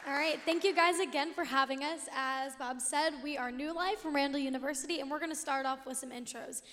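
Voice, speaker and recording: A young woman in college, introducing her student group to a church, upbeat and brisk. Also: sits high, fairly bright tone, long reverb tail, a faint crowd, slight background noise. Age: young adult. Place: church sanctuary.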